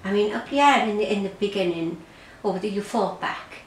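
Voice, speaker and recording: An Irish woman recounting her own experience in an interview, halting and repeating herself as she speaks. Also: mid-range voice. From Ireland. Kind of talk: personal testimony in an interview. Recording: roomy echo, faint background noise.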